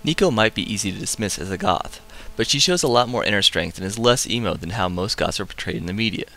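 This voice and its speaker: A man hosting a comic book review, summarizing the story with excitable, casual asides. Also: on the low side, fast talker, gravelly. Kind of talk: enthusiastic comic review narration.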